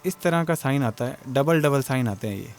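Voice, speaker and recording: A man's voice: medium pitch, animated, moderate pace. A male music teacher giving an exam-prep lecture, explaining step by step and asking and answering his own questions.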